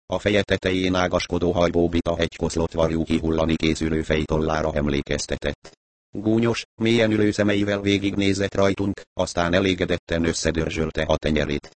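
A man narrating a novel in the first person, in a wry, even audiobook reading. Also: low voice, dry recording.

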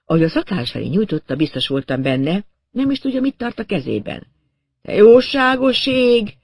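Husky, expressive male storyteller. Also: on the high side, no echo, clean studio sound. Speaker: narrator. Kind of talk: audiobook reading of a crime novel.

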